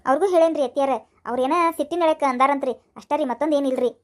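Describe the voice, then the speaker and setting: A woman's voice: sits high, steady tone, rapid-fire, close to an everyday voice. A woman doing a chatty cartoon daughter-in-law with a North Karnataka accent. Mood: chatty pleading. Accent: North Karnataka Kannada. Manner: chatty, pleading. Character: chatty young daughter-in-law, dutiful and fussing.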